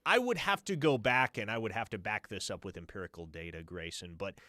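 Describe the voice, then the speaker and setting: A man's voice: lowish voice, animated, brisk, sharp tone, dry recording. A man co-hosting a sports talk show, emphatic and wordy as he breaks down team news.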